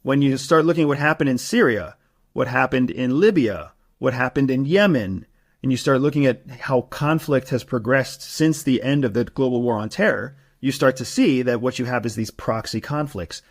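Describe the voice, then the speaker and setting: A man with a mid-pitched voice explains his analysis. He stays steady and rhetorical and stacks up examples one after another. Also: normal speed. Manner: steady, rhetorical, builds points in lists. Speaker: political commentator.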